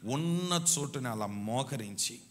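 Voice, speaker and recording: A male pastor preaching a sermon. He repeats his phrases for emphasis and keeps urging the congregation to answer him louder. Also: medium pitch, expressive, a little slow. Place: church hall. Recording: long hall reverb.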